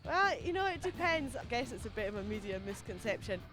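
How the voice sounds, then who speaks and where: A woman from the Highlands, a pro snowboarder answering interview questions in a chatty way, full of fillers. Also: big pitch swings, brisk, over music. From Highlands of Scotland. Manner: chatty, many fillers, light and giggly. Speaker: professional snowboarder, interview guest.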